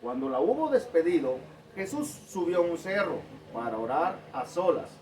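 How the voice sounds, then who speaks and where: Church pastor, high voice, reading the bible then explaining it, mic a bit far off. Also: male voice, very animated, normal speed, a little mellow. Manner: reads scripture aloud, then explains it plainly. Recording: distant mic with faint noise.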